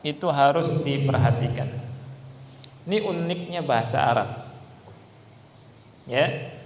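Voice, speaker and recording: A man's voice: mid-range voice, slow. A man teaching a classroom lesson, who keeps checking with his listeners through rhetorical questions and repeats and stretches example words. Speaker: Arabic teacher. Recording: echoey hall with long reverb.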